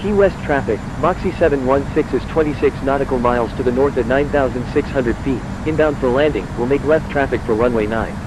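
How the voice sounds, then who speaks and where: A man playing an airline pilot, making clipped radio calls over a cockpit headset with loud engine noise behind him. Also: mid-range voice, fairly quick, pauses often. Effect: pilot radio call over a cockpit headset.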